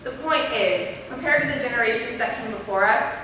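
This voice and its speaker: A young woman playing an earnest female high school student, giving a measured, heartfelt stage speech. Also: pushed and bright, a little hiss or hum. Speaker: student actor. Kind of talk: stage play speech to a class. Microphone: distant room mic. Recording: echoey hall from far off.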